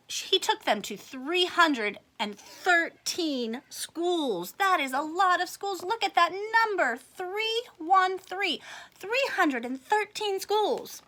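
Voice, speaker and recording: Reading a picture book to children, a storyteller gives an animated read-aloud full of asides and questions. Her voice is bright and high, her pace slow, and her pitch swings widely in an exaggerated, expressive style for little ones.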